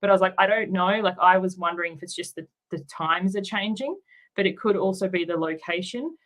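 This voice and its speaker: A middle-aged Australian woman with a slightly low voice talks candidly as an interview guest. She is reflective and open, and she often pauses with ums and likes. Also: a bit bright, poor audio. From Tasmania, Australia.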